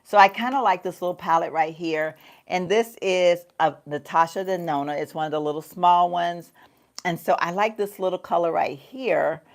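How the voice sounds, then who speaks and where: A middle-aged woman with a lowish voice talks at a moderate pace during a get-ready-with-me livestream from home. The beauty vlogger chats casually, calls her viewers y'all, and laughs often while going through her makeup.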